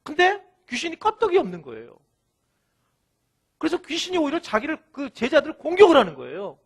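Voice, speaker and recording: A male pastor delivering a sermon in an animated, storytelling way, acting out quoted lines, with a thin, light voice. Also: very high-pitched, fairly quick, vocal fry.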